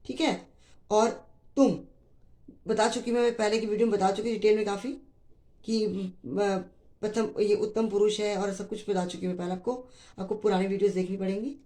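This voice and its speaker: A woman's voice: medium pitch, fairly even intonation, moderate pace, mellow. Patient woman teaching grammar. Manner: explains patiently, repeats key phrases, speaks to students as children. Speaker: Hindi teacher. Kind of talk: classroom grammar lesson.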